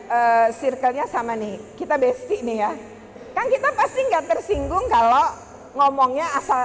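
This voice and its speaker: High-voiced woman presenting in a hall. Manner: lively and chatty, addressing the audience directly. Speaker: workshop speaker for teachers. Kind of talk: presentation to an audience. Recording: reverberant hall, faint background noise.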